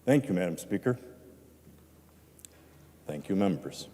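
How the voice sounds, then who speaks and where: An older man giving a measured, reflective farewell speech from a legislative chamber floor, with touches of dry humor. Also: low voice, animated, background noise. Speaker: departing state legislator. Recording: long reverb of a large chamber.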